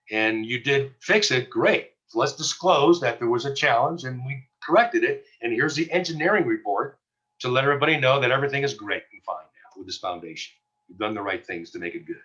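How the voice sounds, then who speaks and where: In a muffled recording of a class lecture, a man with a medium-pitched, fairly bright voice teaches real estate. His style is conversational, full of fillers and restarts, and he acts out little dialogues.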